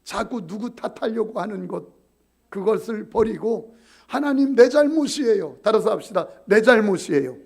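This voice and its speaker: A man's voice: sits high, vocal fry. A middle-aged male pastor preaching a sermon. He jokes with the congregation and at times drops to a whisper. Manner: animated, joking with the congregation, then dropping to whispers.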